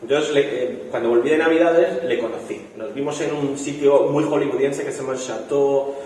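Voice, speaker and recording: Young adult Spanish director, animated storyteller, heard from across a reverberant hall. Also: male voice, mid-range voice, normal speed, slight background noise. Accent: Spain. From Spain. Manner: animated storytelling, acting out quoted voices. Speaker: film director. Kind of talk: festival talk. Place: large echoey hall. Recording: echoey hall from far off.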